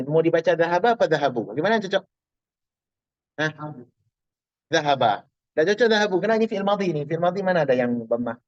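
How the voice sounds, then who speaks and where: A man teaching a classroom grammar lesson, quizzing his students with quick questions and light laughs. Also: a little high, no room sound. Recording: dull lo-fi classroom recording.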